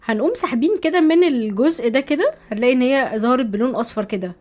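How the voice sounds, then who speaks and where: An Egyptian woman teaching a software course over a screen recording, chatty, often checking in with her viewers. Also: high voice, fast talker. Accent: Egyptian Arabic. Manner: chatty, keeps asking "تمام؟", thinks aloud while clicking.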